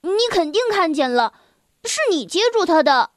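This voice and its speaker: A woman's voice: high-pitched, animated, measured pace, a little mellow, dry recording, studio quality. A woman voicing a curious schoolboy who stammers and insists, in a children's story. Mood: puzzled.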